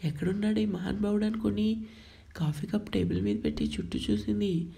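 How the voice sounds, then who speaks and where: Female story narrator; steady, even delivery, warm and gravelly. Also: medium pitch, a little fast. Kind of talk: scripted narration of a romance story.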